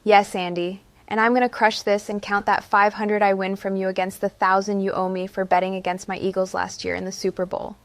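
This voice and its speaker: A woman's voice: medium pitch, flat delivery, a little fast, hardly any pauses, dry recording. A woman playing a quiz game as the host's friend, answering with confident, teasing banter.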